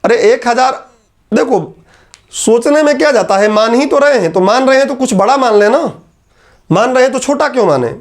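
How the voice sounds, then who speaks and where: A man with a strikingly high voice teaches a class at a whiteboard. He talks in a relaxed, chatty way and drops teasing asides to his students. He slows down to repeat the key terms. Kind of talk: classroom lecture.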